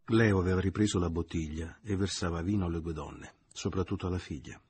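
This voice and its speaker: A man reading a novel aloud in a measured, expressive storytelling voice. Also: low-pitched, breathy edge. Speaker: audiobook reader. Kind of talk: dramatic literary reading.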